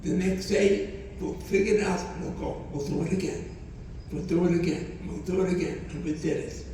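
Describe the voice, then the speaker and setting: An elderly man in his 90s, not a native English speaker, gives Holocaust survivor testimony to students in an echoey college hall. His voice is high-pitched, mellow and steady in tone; he speaks haltingly and with feeling, repeating phrases. The mic is distant, with slight background noise.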